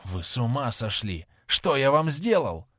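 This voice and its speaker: A cold young aristocrat, read by a male narrator, speaks in a cool, lofty, reproachful tone. His pitch moves animatedly. The audiobook sound is dry and close. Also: sing-song, a little slow, a bit bright, dry recording. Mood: frantic. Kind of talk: audiobook character reading.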